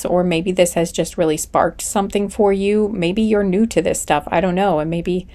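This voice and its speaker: A woman's voice: lowish voice, darkish tone. A woman with a stuffy, congested nose gives a casual spiritual reading, rambling off on tangents with many hesitations and self-corrections. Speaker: intuitive card reader.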